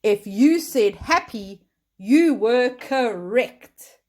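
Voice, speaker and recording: A woman teaching a lesson to young children, slow and encouraging, chanting patterns aloud in a sing-song way. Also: fairly high pitch, animated, darkish tone.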